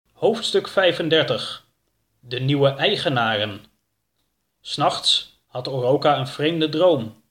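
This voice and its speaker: A man narrating a children's audiobook in a steady, clear reading voice. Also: mid-range voice. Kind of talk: scripted narration of a children's book.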